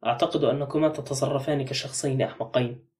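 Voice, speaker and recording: A tense, insistent young woman, read by a man. Fast and urgent in a dark, mellow tone. The mic is a little far off. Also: medium pitch, steady tone, natural voice.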